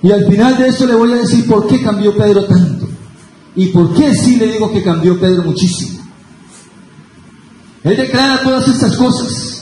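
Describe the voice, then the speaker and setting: A man preaching a fervent Pentecostal sermon, breaking into shouted emphases. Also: high voice, moderate pace, pauses often. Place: church sanctuary. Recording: very echoey church hall, faint hiss.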